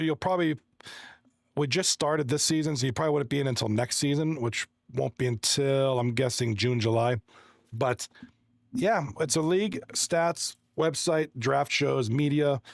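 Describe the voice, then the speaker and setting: A man's voice: medium pitch, moderate pace, creaky, no room sound, studio quality. A man from Toronto, an esports hockey commentator chatting casually on a livestream, friendly and rambling, reading the chat and running through stats. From Toronto, Canada. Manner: rambling, friendly, reads chat aloud and runs through stats with many restarts.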